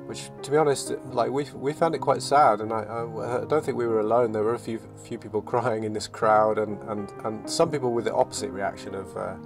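A man narrating his sailing vlog in a relaxed, reflective voice-over, often restarting his phrases. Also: lowish voice, fairly quick, vocal fry, hardly any pauses. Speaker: sailing vlogger. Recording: voice-over with loud music behind.

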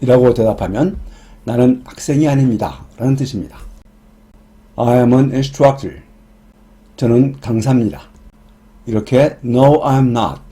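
Man, English grammar teacher, slow deliberate delivery, dark mellow voice. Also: mid-range voice. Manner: reads English example sentences very slowly and deliberately. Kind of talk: scripted grammar lesson.

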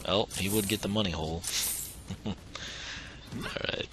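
Heavy background noise surrounds a man with a deep voice who speaks a little slowly while streaming a game. Though he's losing his voice, he rambles and chats casually in let's-play style and chuckles frequently.

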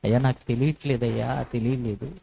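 A male preacher voicing a grieving woman at an empty tomb, pleading softly as if in tears. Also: medium pitch, steady tone, brisk, creaky, a little hiss or hum, voice pushed down, close to an everyday voice.

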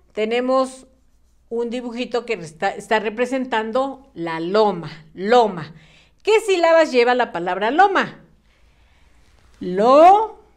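A woman teaching a children's spelling lesson, patient and sing-song, using diminutives. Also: on the high side. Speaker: primary school teacher.

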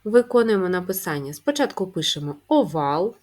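Speaking in a lowish, sing-song voice with a darkish tone, a primary school teacher walks first graders through handwriting. Her lesson is slow and clearly spelled out, with patient, drawn-out questions she answers herself.

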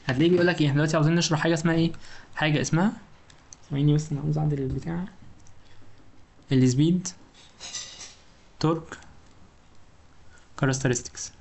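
Man, Egyptian Arabic accent, engineering lecturer, very quick, informal, keeps checking the listener follows. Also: a little high, fairly even intonation, gravelly, darkish tone. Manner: keeps asking rhetorical questions and checking understanding; informal, talks directly to the student. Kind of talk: recorded lecture explanation.

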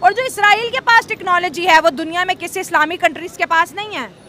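A woman interviewing people outdoors on a street, asking brisk, probing questions. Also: very high-pitched, pushed and bright.

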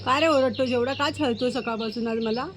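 A high-pitched woman talks casually at home and keeps coaxing a crow to come and eat. Loud cawing and outdoor noise sit behind her on a phone recording. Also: fairly quick. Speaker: vlogger. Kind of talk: casual home vlog, talking to camera.

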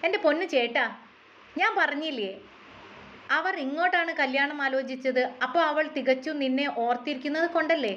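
A woman voicing a sleepy young woman who gently reassures her husband in a story reading. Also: high-pitched, brisk, muffled recording, a little hiss or hum. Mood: reassuring.

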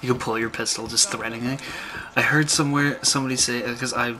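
Let's player: man, medium pitch, loose sweary commentary, game ambience behind. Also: fairly even intonation, quick pace, pushed and bright. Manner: sweary, off-the-cuff. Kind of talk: casual gameplay commentary. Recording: voice over noisy game audio.

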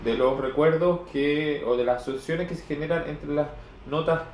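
Here the beer reviewer, a man in his forties, sounds a little high and somewhat dark in tone, talking at a moderate pace. He rambles on with many fillers in casual conversation, picked up by a camera on the far side of a home room that leaves the audio echoey and faintly noisy.

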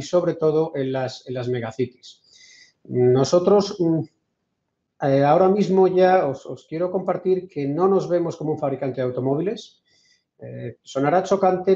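A man from Spain with a Peninsular Spanish accent, giving an online lecture in a measured way, often restarting his sentences. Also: fairly high pitch, mellow. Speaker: invited speaker. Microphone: video call. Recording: roomy, dull video call audio.

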